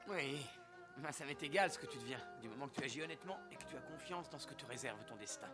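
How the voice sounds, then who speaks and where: An actor playing a humble, good-natured former monk and comic sidekick in a French martial arts film dub. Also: male voice, medium pitch, lively intonation, quick pace, over music, natural voice. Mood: calm, resigned.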